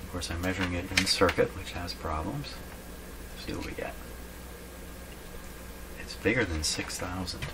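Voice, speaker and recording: This radio repair hobbyist and video host has a deep voice and talks at a moderate pace, pausing often. He thinks aloud in a casual, musing way while doing hands-on repairs, posing questions to himself. The workshop behind him is clearly noisy.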